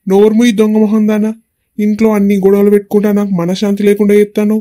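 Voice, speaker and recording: A man playing a quick-tempered husband in a cartoon comedy, barking threats in a Telangana Telugu accent. His voice sits high and rushed, with a mellow, dark tone. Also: monotone, natural voice. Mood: furious. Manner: scolding, shouting threats. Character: angry young husband, hot-tempered and bossy. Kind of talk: cartoon voice acting.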